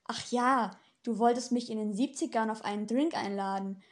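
A woman voicing a gentle, earnest male angel in an audiobook, polite and easily hurt. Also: fairly high pitch, normal speed, lightly acted. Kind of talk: audiobook dialogue.

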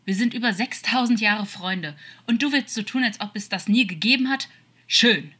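A woman's voice: a little high, normal speed, pushed and bright, slightly rough, pitched above the performer's own voice. A woman voicing a cold, scornful angel who speaks with hard contempt, in an audiobook fan-fiction reading. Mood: furious.

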